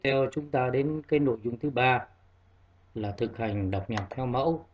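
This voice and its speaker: Male music teacher for young children, slow and patient, recorded lo-fi over quiet instrument backing. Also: medium pitch, a little hiss or hum. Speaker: primary school music teacher. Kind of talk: classroom music lesson.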